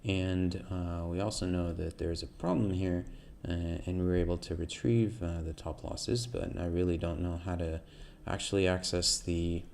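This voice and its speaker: A man's voice: low voice, steady tone, normal speed, vocal fry, few pauses, darkish tone, slight background noise. A man hosting a coding tutorial, hesitantly thinking aloud through source code with many fillers. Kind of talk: screen-recorded coding walkthrough.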